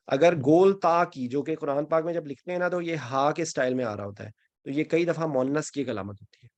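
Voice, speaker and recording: A man's voice: fairly high pitch, no room sound. A male teacher giving an online grammar class, explaining step by step and checking in with his students as he goes. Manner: mixes English phrases into Urdu. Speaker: Quran and Arabic grammar teacher.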